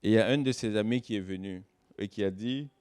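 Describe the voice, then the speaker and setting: Man preaching a sermon, swings from loud stresses to hushed asides, slows on key words. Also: fairly low pitch. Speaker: guest pastor.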